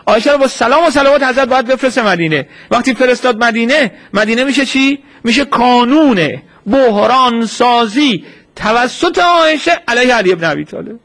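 A man with a high voice delivers a sermon as a retold story. He keeps asking rhetorical questions and answering them. He acts out the people he quotes. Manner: acts out quoted speech in a lively retelling. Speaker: preacher.

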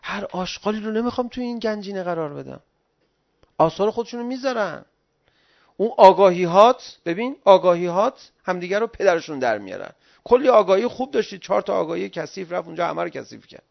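A middle-aged man giving an animated, pleading religious talk in the style of a sermon, recorded on dull lo-fi audio. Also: high voice, creaky. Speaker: religious lecturer.

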